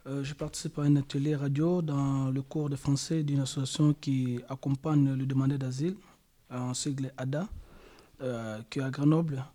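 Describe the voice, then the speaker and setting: A man's voice: medium pitch, fairly even intonation, normal speed, mellow. A man from DR Congo, interviewing hesitantly with many fillers for a radio workshop.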